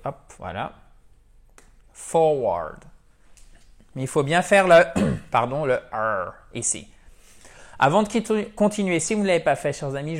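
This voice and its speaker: A French-speaking man teaching English pronunciation in an online lesson, explaining slowly and repeating each word several times as a drill. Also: on the high side.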